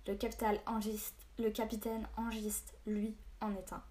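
A woman's voice: mid-range voice, level tone, unhurried, mellow, lightly acted. Woman reading an earnest defiant village boy.

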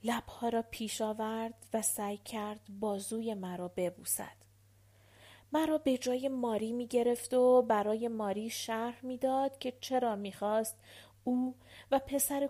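Woman, audiobook narrator, first-person novel, measured quiet delivery, slightly high voice.

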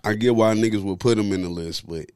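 A man's voice: on the low side, quick pace, a little mellow, clean tone, dry recording, clean studio sound. A man chatting casually, opinionated and slangy, with plenty of swearing, as he argues a ranking. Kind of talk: casual chat, ranking favorite rappers.

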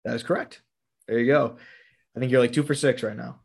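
A man's voice: mid-range voice, steady tone, a little fast, creaky. A young man hosting a casual chat, reading quiz questions and options aloud, swearing casually and laughing often.

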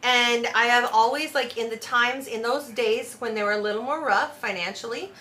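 A woman hosting a podcast, chatting in a brash, animated way and swearing freely. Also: a little high, normal speed. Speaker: podcast host. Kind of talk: casual chat.

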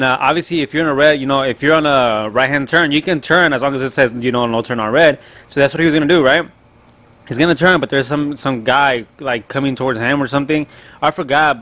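A man's voice: medium pitch, a bit bright. A young man co-hosting a casual podcast, telling a rambling story, swearing freely and dropping Spanish words. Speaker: podcast co-host, delivery driver.

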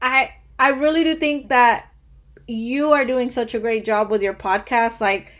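A woman in her early thirties hosts a relaxed podcast conversation. Her voice sits quite high, and she rambles, restarts and leans on "like" constantly. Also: measured pace. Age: 30s. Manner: chatty, rambling, says "like" constantly. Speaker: podcast host. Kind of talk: casual interview chat.

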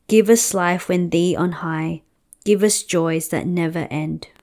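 A woman reading a liturgical hymn aloud as a church reader, solemnly and deliberately, line by line. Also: lowish voice, steady tone, darkish tone. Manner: slow, deliberate, line-by-line phrasing.

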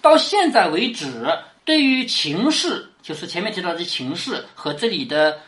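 A woman's voice: lowish voice, very animated, moderate pace, fairly bright tone. A woman lecturing on a classic novel, retelling and explaining it in plain conversational words and often asking rhetorical tag questions. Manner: constantly asks rhetorical tag questions, drops her voice on them.

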